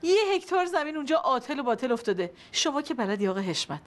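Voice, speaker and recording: An actress playing a down-to-earth wife in a TV comedy, soothing and matter-of-fact. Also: female voice, high voice, sing-song. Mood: practical. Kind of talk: TV sitcom acting.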